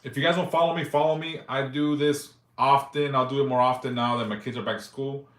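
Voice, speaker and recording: A man's voice: mid-range voice, steady tone, brisk, fairly bright tone, reverberant. Profane man in his forties on a live stream. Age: 40s. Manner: loose and profane, reads comments aloud and answers briefly. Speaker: livestream host answering yes-or-no questions. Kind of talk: casual livestream chat reading viewer questions.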